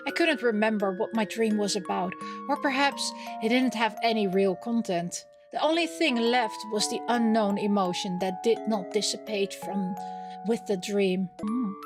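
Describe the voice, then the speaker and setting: A woman with a medium-pitched voice streams a visual novel at a moderate pace, chatting casually, reading the game text aloud, and reacting with small interjections. Game music plays behind her.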